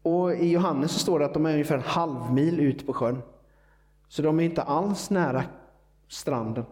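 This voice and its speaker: A man's voice: on the high side, darkish tone. A man preaching a sermon in a conversational, explanatory way, with fillers and small asides.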